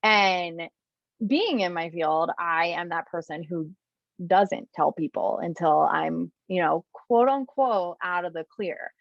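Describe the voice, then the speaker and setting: A woman's voice: lowish voice, slow pace, vocal fry, no echo. A woman on a podcast telling her own story in casual chat, full of "like" and acting out her past thoughts. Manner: chatty, heavy use of "like", acts out her own past thoughts. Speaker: podcast guest. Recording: dry, slightly muffled audio.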